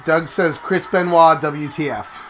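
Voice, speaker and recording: A co-host on a casual live stream who teases a partner and reads chat messages aloud, with an arena crowd loud behind. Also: mid-range voice, measured pace. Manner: teasing, reading chat aloud. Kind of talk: casual watch-along chat. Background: crowd noise from the broadcast.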